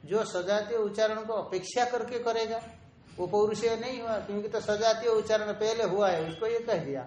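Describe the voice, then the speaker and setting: A man teaching a traditional Vedanta lesson, explaining slowly, repeating key terms and drawing out Sanskrit quotations. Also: sits high, a little mellow, slight background noise. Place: ashram room. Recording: echoey room, faint ambience.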